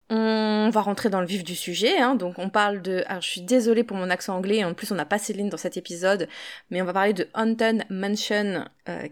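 A woman hosting a podcast, talking casually and chattily with frequent fillers. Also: mid-range voice. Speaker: podcast host.

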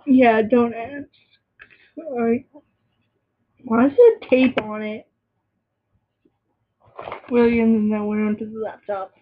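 A woman's voice: a little high, steady tone, takes it slowly, pauses often, a little hiss or hum. A young woman rambling and teasing a friend in casual chat at home, on a dull lo-fi recording. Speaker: vlogger.

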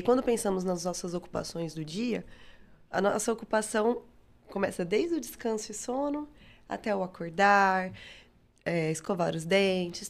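Hesitant Brazilian woman with a creaky, lowish voice. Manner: hesitant, halting, a little nervous. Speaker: guest occupational therapist. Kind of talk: explaining her field in a talk show.

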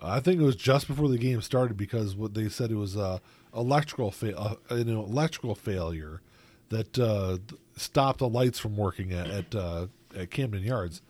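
A man's voice: fairly low pitch, animated, normal speed, a little mellow, no echo. A man hosting a casual chat, rambling with lots of filler words.

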